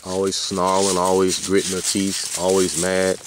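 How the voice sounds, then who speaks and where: Out on a hike, a man of about forty records a casual vlog amid noticeable outdoor noise. His voice is low, deep, and monotone at a moderate pace, and he rambles in a folksy, colloquial way, drifting into asides to his dogs.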